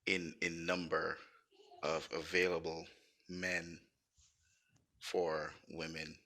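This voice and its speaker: A man who is a guest on a casual podcast, talking in a relaxed, soft-spoken way and often laughing. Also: sits low, slow.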